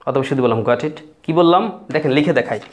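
A man's voice: medium pitch, fairly quick. A man teaching English phrases in a casual video lesson, repeating and spelling out words for viewers while writing on a board. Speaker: English tutor.

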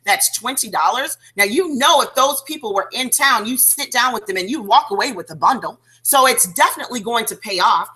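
A woman runs a sales training call, talking in a chatty, animated way and filling pauses with restarts. Her voice sits a little high and sounds bright and forward. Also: rough recording. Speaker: network marketing trainer.

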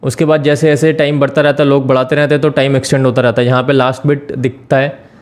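A channel host walks through a screen-share tutorial step by step, often pausing with fillers. He speaks in a mid-range voice with a level tone.

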